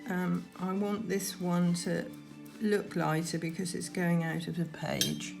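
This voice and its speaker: A woman giving gentle, unhurried painting instruction, talking through her work as she goes, with trailing pauses. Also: fairly low pitch, fairly even intonation, creaky, over music. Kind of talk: unscripted painting demonstration, talking while working.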